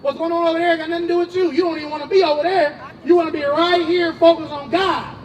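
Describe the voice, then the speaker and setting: A man's voice: very high-pitched, level tone, fast, distant mic, low-quality recording. A man street preaching, emphatic and slangy, calling on a reader and questioning the crowd outdoors.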